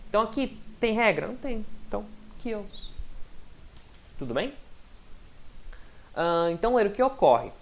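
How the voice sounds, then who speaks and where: A man teaching an English lesson in a chatty, encouraging way, sounding out example words slowly and often checking in with his student. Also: high-pitched, lively intonation, gravelly, a little hiss or hum. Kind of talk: recorded online lesson.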